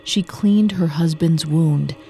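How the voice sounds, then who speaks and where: Low, mellow woman narrator. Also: slow, creaky. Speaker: host and narrator. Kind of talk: scripted narration.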